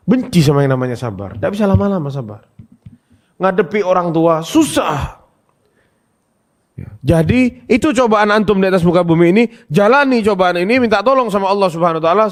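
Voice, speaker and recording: Preacher guy telling stories, voice jumps way up n down, kinda high. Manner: storytelling with acted quotes, pitch swinging high and low. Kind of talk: sermon answering questions.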